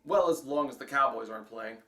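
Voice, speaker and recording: A man's voice: mid-range voice, a little fast, pushed and bright. A man giving a sarcastic, exasperated scripted film review. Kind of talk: scripted comedic review narration.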